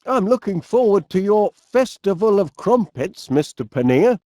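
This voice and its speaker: For a comedy video game, a voice actor plays a genial, bumbling middle-aged English inventor with a Northern accent, warm-toned and earnest. Very animated yet unhurried, his pitch swooping about, he's eager but easily flustered and hesitant. The studio recording is very dry.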